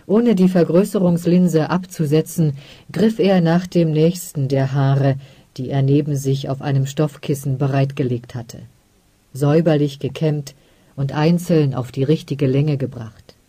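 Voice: mid-range voice, fairly even intonation, a little slow, warm tone, no echo. Ein Vorleser, der eine literarische Geschichte gemessen und dramatisch als Hörbuch erzählt. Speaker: audiobook reader. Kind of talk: scripted narration of a literary story.

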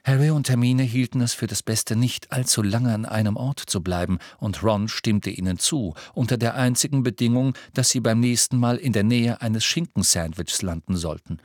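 A man narrating an audiobook with steady, measured storytelling. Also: mid-range voice, no echo, clean studio sound. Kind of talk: scripted narration.

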